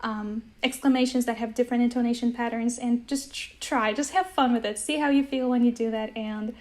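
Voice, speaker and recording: A woman's voice: on the high side, steady tone, a little fast, a little mellow. A young woman whose first language is Polish, speaking English with an American accent in a casual conversation, chatty, with lots of fillers and easy laughter. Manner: chatty, uses many fillers, laughs easily. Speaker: language-learning guest.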